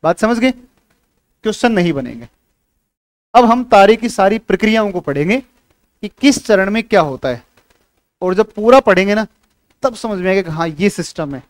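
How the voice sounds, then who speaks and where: High-voiced man teaching a class. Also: lively intonation, moderate pace, long pauses, no room sound. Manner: keeps asking if students understood, scolding. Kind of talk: classroom lecture.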